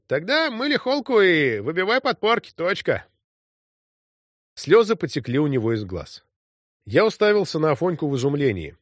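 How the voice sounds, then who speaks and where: A man's voice: on the high side, dry recording, studio quality. A man reading an audiobook story with vivid, dramatic narration.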